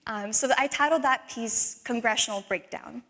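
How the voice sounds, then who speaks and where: A woman's voice: on the high side, normal speed, fairly bright tone. A young woman in her twenties from the Philippines, giving a talk and performing a spoken word poem with earnest, rhythmic emphasis. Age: 20s.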